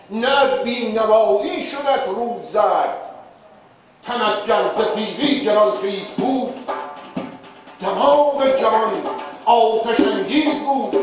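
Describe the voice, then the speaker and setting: A man giving a grand, theatrical recitation of epic poetry as a traditional storyteller, declamatory and dramatic. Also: very high-pitched. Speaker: Shahnameh storyteller (naqqal). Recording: very echoey, distant mic, music behind.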